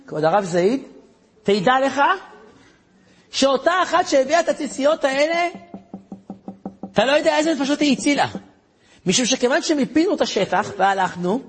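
A man, a rabbi, tells a story to an audience in an animated way, acting out voices and sound effects. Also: very high-pitched, slightly rough.

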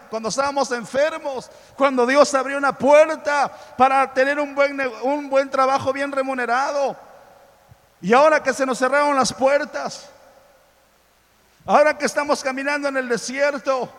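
A man preaching a sermon as a pastor, impassioned and building to loud exclamations. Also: extremely high pitch, big-room sound.

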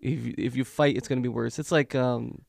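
A man's voice: mid-range voice, fairly even intonation, a little fast, gravelly, a little mellow, no echo, clean studio sound. A man co-hosting a podcast in natural, unscripted casual talk, rambling and self-deprecating, with some swearing. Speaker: podcast co-host.

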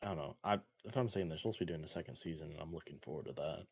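Man, very low voice, dry sound, sleepy and laid-back, casual chat. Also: rapid-fire, vocal fry, slightly rough, dry recording. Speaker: podcast co-host.

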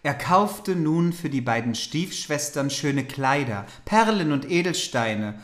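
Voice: mid-range voice, animated, slow. Echoey podcast host, mock-naive reader. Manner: naive questions, mock confusion. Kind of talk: comic fairy-tale reading and chat.

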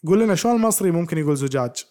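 A man's voice: a little high, expressive, rapid-fire, a little mellow. A man chatting as a podcast co-host, playful and quizzing his friend. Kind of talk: casual chat.

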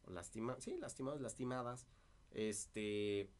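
A man's voice: on the low side, unhurried, darkish tone. A man with a dry voice, talking through past disputes as an interview guest. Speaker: interview guest, party politician. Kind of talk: casual interview conversation.

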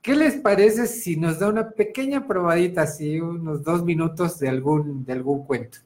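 A man's voice: on the high side, normal speed, darkish tone. A man hosting a casual interview who keeps affirming his guest with short replies. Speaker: host.

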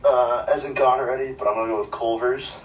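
A man's voice: mid-range voice, fairly even intonation, fairly quick. A man co-hosting a casual podcast chat, teasing the others and laughing easily. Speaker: podcast co-host. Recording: roomy, distant mic, faint background hum.

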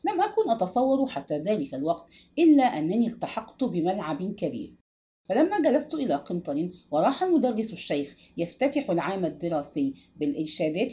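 A woman reading a novel aloud as narrator, telling the story in an expressive, emotive way. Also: lowish voice.

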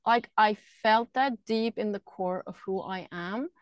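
A woman's voice: medium pitch, measured pace, no echo. A middle-aged woman from Switzerland, a podcast guest who talks earnestly and flowingly about energy healing, often repeating words as she thinks. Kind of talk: casual interview talk. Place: camper van.

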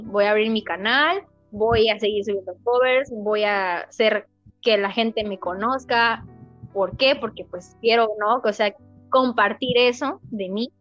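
Young Mexican woman, podcast guest; animated, expressive storyteller. Muffled lo-fi audio with a faint music bed. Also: fairly high pitch. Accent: Mexican Spanish. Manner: animated and expressive, acts out quotes. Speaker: podcast guest, singer and dubber. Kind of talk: casual chat. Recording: dull lo-fi sound, faint music.

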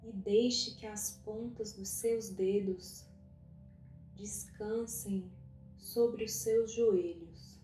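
A woman guiding a meditation at a very slow, unhurried pace, her voice mellow and warm. She speaks softly and calmly, leaving long pauses between phrases. The recording has a roomy echo, with faint soft music underneath. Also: mid-range voice. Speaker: meditation guide. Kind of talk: guided meditation.

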